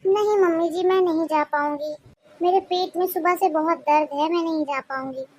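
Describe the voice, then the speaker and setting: A woman voicing a proud, sulky young daughter-in-law in a cartoon story, answering with sharp taunts. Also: very high voice, normal speed.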